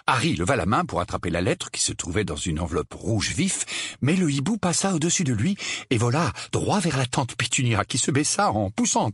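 Brief: male audiobook reader, husky and dry close sound, lively swings into character voices. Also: medium pitch, dry recording. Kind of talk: storytelling narration.

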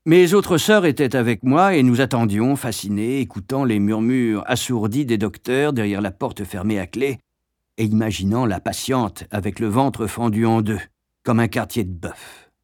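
A man narrating a memoir as an audiobook, with expressive, lively storytelling. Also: on the low side, moderate pace, dry recording, studio quality.

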